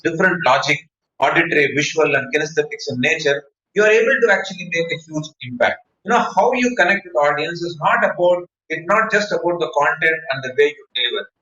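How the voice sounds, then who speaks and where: A man with an Indian accent, working as a public-speaking trainer, gives an emphatic online talk over video call with anecdotes and repeated phrases. His voice is on the high side, bright and forceful. Captured by a distant mic, the audio is muffled and echoey.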